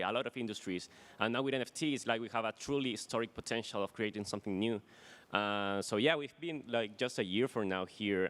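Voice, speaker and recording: Earnest man from Chile, lowish voice. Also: a bit bright. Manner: earnest, enthusiastic, uses "like". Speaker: dancer and panelist. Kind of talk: casual panel talk.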